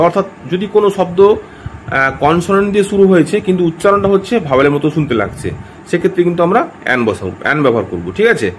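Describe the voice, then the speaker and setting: A man's voice: a little high, a little hiss or hum. A man teaching a grammar lesson, often checking in with his listeners and repeating himself as he corrects his wording. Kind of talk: explanatory lesson.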